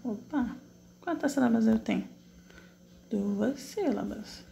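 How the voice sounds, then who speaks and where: A woman's voice: on the high side, creaky, mellow, a little hiss or hum. A woman teacher, patiently correcting exercises in an online class, asking questions and answering them herself step by step. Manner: slow, drawn-out syllable spelling while typing.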